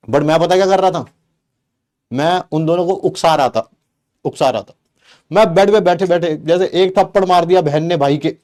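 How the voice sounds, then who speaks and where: A middle-aged man, a teacher telling a comic story from his childhood to his live class in an animated, teasing way. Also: high voice. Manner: animated and playful, teasing the class with rhetorical questions.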